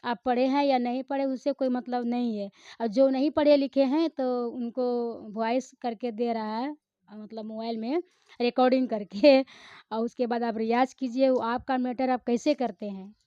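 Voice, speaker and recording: A woman's voice: a little high, steady tone, moderate pace, warm tone, clear, resonant tone, no room sound. A woman who acts in films answers interview questions in a chatty, rambling way with many hesitations. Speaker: film actor. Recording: slightly muffled, dry recording.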